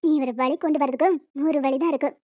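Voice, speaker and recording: A clingy young village wife, high and girlish, pleading and chattering on without pause, as a woman voices her. The recording is dry and a little dull, with no room around the voice. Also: fairly even intonation, no room sound, lightly acted. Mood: defensive. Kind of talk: Tamil audio romance drama.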